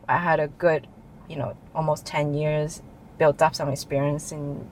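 A woman's voice: low voice, creaky, a little mellow, a little hiss or hum, rough recording. A woman who grew up in Taiwan, answering interview questions in a chatty way with frequent laughs and restarts. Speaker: interview guest, chief information officer.

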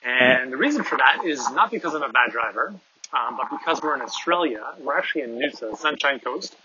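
A man's voice: medium pitch, lively intonation, fairly quick, crowd noise. Podcast host, man, casual and filler-heavy; tin-can earbud sound, dull and muffled. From Canada. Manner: rambling, filler-heavy, conversational. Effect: tinny, tin-can sound from earbud mic. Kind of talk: casual monologue while walking. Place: outdoors on a walk, windy. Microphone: phone with wireless earbuds. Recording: tinny muffled earbud mic, faint wind.

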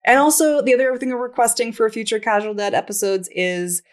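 A woman's voice: on the high side, fairly even intonation, fairly quick. A woman co-hosting a podcast in a casual, playful chat, laughing often. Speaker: podcast co-host.

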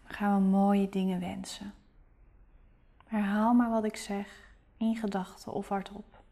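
A woman guiding a meditation in a soft, breathy spa-like near-whisper, giving gentle, soothing, unhurried instructions. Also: mid-range voice, little pitch movement. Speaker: meditation guide.

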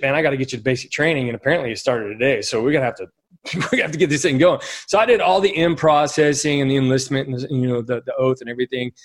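Chuckling middle-aged man telling stories. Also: mid-range voice. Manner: chuckling, rambling anecdotes. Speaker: guest. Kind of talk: casual storytelling.

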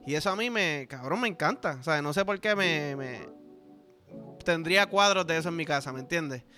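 A man's voice: fairly high pitch, moderate pace, music in the background. Crude joking Puerto Rican man. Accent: Puerto Rican Spanish. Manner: crude, joking, animated storytelling. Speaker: podcast host. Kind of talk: casual solo chat.

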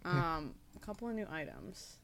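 A woman's voice: lowish voice, animated, moderate pace. A young woman co-hosting a podcast, chatting casually and teasing her co-host. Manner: teasing, playful. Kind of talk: casual chat.

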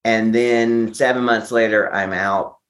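Unhurried and steady in tone, this man's lowish voice carries a slight brightness. A memoir author and interview guest, he tells a personal story with candor and some theatricality, acting out quoted remarks.

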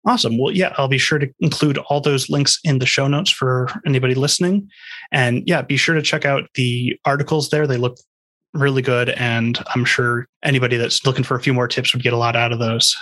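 Brief: male podcast host, easygoing, conversational, mid-pitched. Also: brisk. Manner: relaxed, conversational, shares personal anecdotes. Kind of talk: casual interview chat and podcast outro.

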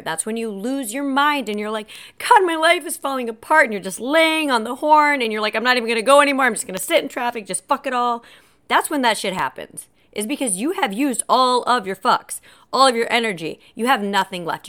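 A woman in her thirties telling a personal story bluntly and with lots of swearing, animated and candid. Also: mid-range voice.

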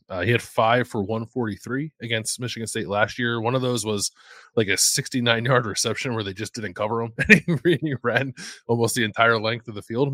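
A man's voice: fairly low pitch, pushed and bright, no echo. A man co-hosting a sports podcast, easygoing and hedging with 'like' as he breaks down plays. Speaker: podcast co-host. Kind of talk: casual sports podcast analysis.

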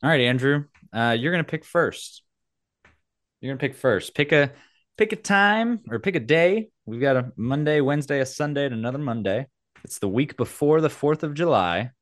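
A man hosting a casual game, explaining the rules in a playful, theatrical way with dramatic pauses. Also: mid-range voice, animated, no echo, clean studio sound. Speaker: game show host.

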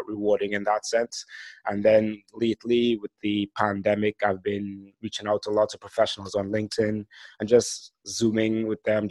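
This Trinidadian man in his twenties hosts a solo podcast, recounting his own career story in an earnest, reflective tone with some lines read from a script. His voice is fairly low and a little mellow, and the recording is dry.

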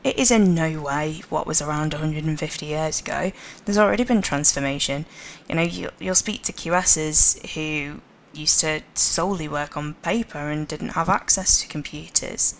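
Low, gravelly Scouse woman. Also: slight background noise. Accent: Liverpool. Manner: confident, emphatic, quick to laugh. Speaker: podcast guest, sustainability lead. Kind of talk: casual podcast interview.

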